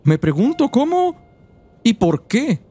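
A man's voice: very high voice, big pitch swings, slow, dark tone, breathy edge, voice pushed up, full character voice. A man voicing an elderly, wise woman advisor from a fantasy game in a put-on thin, solemn old-lady voice. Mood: musing. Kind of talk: dramatic read-aloud of game dialogue.

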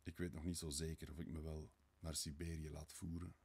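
A man reads a worn-out young man who answers curtly and mutters, lost in thought. The voice is very low and husky, close to the reader's own. It is an audiobook reading. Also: flat delivery, a little fast, a little mellow, full character voice. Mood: weary. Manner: tired, curt and muttering. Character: weary, brooding young male murderer.

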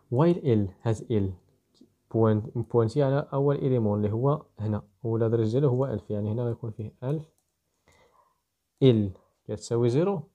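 Fast-talking Moroccan man teaching code. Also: fairly low pitch, mellow. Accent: Moroccan Arabic. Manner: walks through code step by step, thinks aloud. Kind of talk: explaining programming to students.

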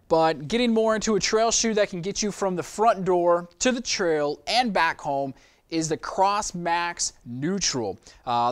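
Host vlog pria, usia 30-an, agak tinggi, nada bersemangat ala penjual, mik lapel di studio. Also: male voice, a little high. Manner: upbeat salesy delivery with filler ums. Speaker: shoe store vlog host. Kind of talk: product review vlog. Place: indoor studio with shoe shelves.

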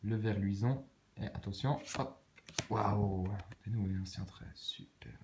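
A man with a Swiss French accent, calmly muttering card names and soft exclamations as he opens packs in a casual vlog. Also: fairly low pitch, measured pace, background noise. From Switzerland. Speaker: card-opening vlogger. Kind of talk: casual commentary while opening cards.

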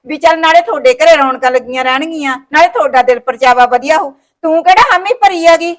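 A woman's voice: high voice, fast. A woman with a Punjabi accent, acting in a family short film, complaining indignantly and refusing every offer. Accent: Punjabi (Malwa). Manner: indignant, complaining, talks over objections. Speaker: actor playing a sulking sister-in-law.

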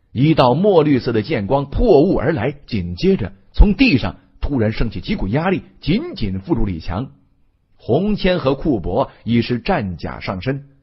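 A man reading a fantasy audiobook in scripted narration with an expressive, dramatic delivery. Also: mid-range voice, husky, lo-fi sound.

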